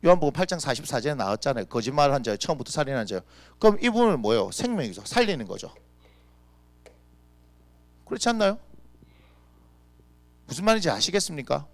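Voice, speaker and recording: A male pastor preaching a lively, conversational sermon full of rhetorical questions. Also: on the high side, quick pace, long pauses, dry recording. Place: church.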